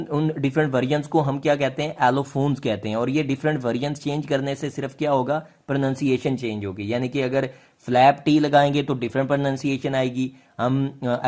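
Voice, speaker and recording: A man's voice: medium pitch, a little mellow. Man teaching with rhetorical questions. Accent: Pakistani Urdu. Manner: rhetorical questions, many hesitations. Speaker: linguistics teacher. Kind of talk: explanatory lesson.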